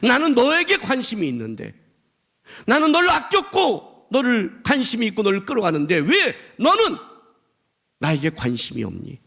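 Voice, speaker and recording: A man's voice: high-pitched, huge pitch swings, fairly quick, fairly bright tone, heavily acted. A man voicing God, who earnestly and pleadingly questions a wayward prophet, his voice rising with emphasis.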